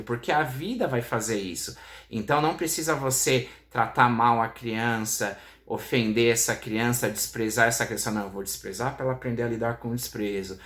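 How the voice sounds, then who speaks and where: A man's voice: mid-range voice, fairly bright tone. A man giving advice to parents in a direct, repetitive way, often checking in with his listeners. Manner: direct, repeats points, checks in with "tá?". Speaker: parenting educator. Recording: echoey room.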